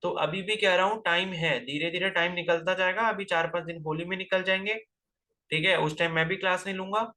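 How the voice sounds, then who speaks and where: A man's voice: sits high, fairly even intonation, fairly quick, pushed and bright. A man teaching a physics class, lecturing and scolding his students with rhetorical questions, terms into his speech.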